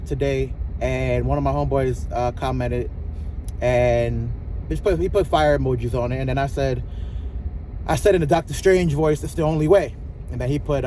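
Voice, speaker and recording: A man's voice: medium pitch, dark tone, poor audio. A man with a lisp giving a casual motivational vlog talk, loose and colloquial, repeating phrases for emphasis. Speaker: vlogger. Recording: clear vehicle and outdoor noise.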